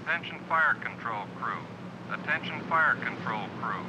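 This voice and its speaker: A male announcer calling out formal, clipped public announcements over a PA loudspeaker, repeating each call. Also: medium pitch, lively intonation, moderate pace, noisy background. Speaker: airport announcer.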